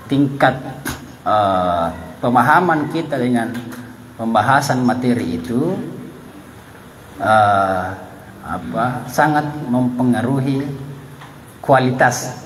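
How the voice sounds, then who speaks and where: A man's voice: mid-range voice, a little hiss or hum, poor audio. A man with an Indonesian accent teaching a Quran recitation class, explaining patiently and sounding out letters aloud as examples.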